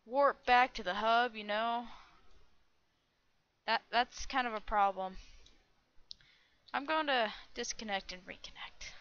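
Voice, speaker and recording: A woman's voice: on the high side, a bit bright, clean tone. A young woman hosting a gaming channel, rambling to herself through a Minecraft server review and squealing when attacked. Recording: dull lo-fi recording.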